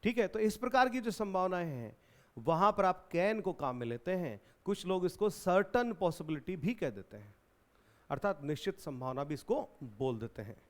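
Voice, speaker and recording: A man from India with a high voice and big pitch swings teaches an exam-prep English grammar lesson in Hindi at a moderate pace. He explains the material and repeats questions back to his students.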